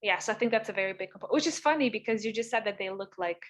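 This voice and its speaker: A young woman from Serbia co-hosts a relaxed podcast chat. She talks in loose, hesitant runs full of fillers and keeps checking in with "right?". Her pitch is mid-range for a woman. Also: very fast. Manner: chatty, hesitant, lots of fillers and "right?" tags. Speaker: podcast co-host. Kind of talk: casual chat.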